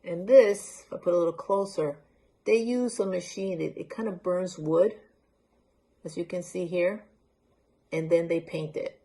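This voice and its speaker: A woman's voice: on the low side, measured pace, warm tone. A woman from Honduras, presenting handmade crafts in a casual, unscripted show-and-tell talk and holding pieces up to the camera. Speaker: library art talk presenter.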